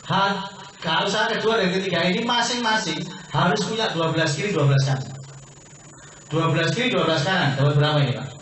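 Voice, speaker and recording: A man's voice: high voice, fast talker, a bit bright, slight background noise. A man giving a persuasive sales seminar talk, questioning the audience and answering himself. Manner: keeps addressing listeners as "Pak". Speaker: business opportunity presenter. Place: meeting hall with an audience. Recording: very echoey hall, picked up from far off.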